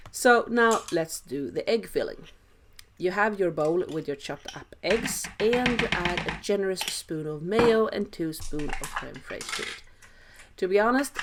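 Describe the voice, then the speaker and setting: Lower-voiced Swedish-accented woman, noisy recording. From Sweden. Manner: dry, self-deprecating humour. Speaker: home cook, host. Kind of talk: casual cooking tutorial voice-over.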